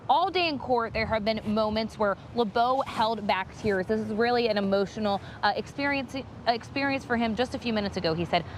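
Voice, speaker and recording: A woman's voice: fairly high pitch, a little hiss or hum. An American woman giving a live field news report as a television reporter, outdoors. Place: outdoors on a city street outside a courthouse.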